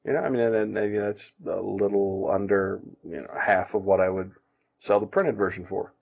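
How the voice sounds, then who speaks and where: Man, gravelly and husky voice, casual podcast chat, halting restarts, dull lo-fi recording. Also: fairly low pitch, fairly even intonation, a little mellow. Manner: halting, many restarts, self-deprecating. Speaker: podcast co-host and comic artist. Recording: dull lo-fi sound.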